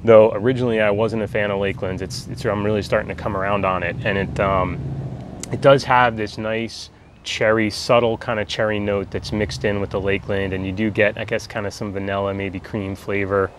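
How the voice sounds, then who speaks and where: American man, forties, fairly deep voice, casual reviewer chat, halting delivery, backyard recording, faint ambient noise. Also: fairly even intonation. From United States. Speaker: pipe tobacco reviewer. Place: outdoors in a backyard garden. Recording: outdoor ambient background noise.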